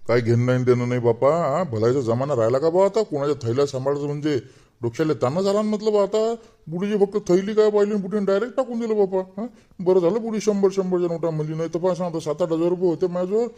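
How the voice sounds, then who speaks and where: A chatty, fussy village man, voiced by a man in a cartoon, with a Vidarbha Marathi accent. He rambles and grumbles, half to himself, at a quick clip. His voice sits a little high. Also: dark tone, lightly acted. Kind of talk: cartoon voice acting.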